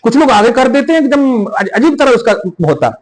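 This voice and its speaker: Very high-voiced and a little fast, a male Islamic scholar teaches prayer step by step on a podcast, with background noise behind him. He speaks emphatically and makes sure the listener is following.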